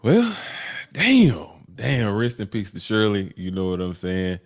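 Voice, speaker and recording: Low-voiced man hosting a casual show. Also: wildly swooping pitch, measured pace. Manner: gives shout-outs and reads listener questions. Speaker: host. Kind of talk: casual chat.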